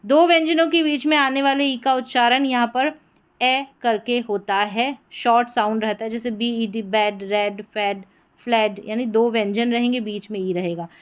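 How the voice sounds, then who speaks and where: A woman teaching English pronunciation rules, slowly drilling word after word. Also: fairly high pitch, fairly even intonation, lo-fi sound. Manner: slow, patient word-by-word drilling. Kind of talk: explanatory lesson.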